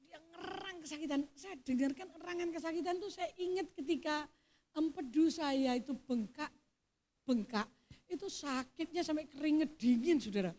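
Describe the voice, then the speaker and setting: A middle-aged woman pastor with a Javanese accent preaches at a church service, moving from quiet storytelling to loud, emphatic exclamations. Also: sits high, normal speed, slight background noise. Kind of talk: sermon.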